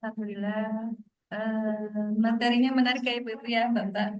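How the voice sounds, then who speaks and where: A woman with a slightly high voice moderates the session. She politely invites the audience to ask their questions. She speaks in short, courteous phrases. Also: level tone, moderate pace.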